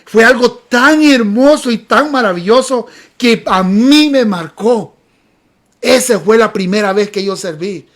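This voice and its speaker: A man's voice: extremely high pitch, animated, a little slow, a bit bright. A man from Honduras, preaching a sermon in an emphatic storytelling way and repeating phrases for weight. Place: church sanctuary.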